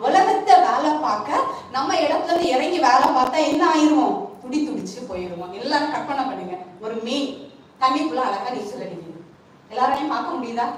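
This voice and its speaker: A woman pastor from India preaching a sermon, quizzing her congregation with questions and asking them to answer aloud. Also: a little high. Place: church hall, indoors. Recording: echoey hall from far off, faint noise.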